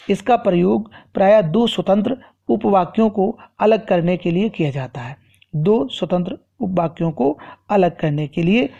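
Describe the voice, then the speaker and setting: Man teaching a measured grammar lesson. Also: sits high, creaky, warm tone, muffled recording. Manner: measured, explanatory, repeats key phrases.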